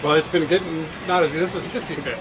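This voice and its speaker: A middle-aged man chatting casually, speaking haltingly and trailing off mid-sentence. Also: a little high, fairly even intonation, crowd noise. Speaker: guest eating hot wings in a challenge. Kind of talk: casual chat. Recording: noisy outdoor setting with hiss.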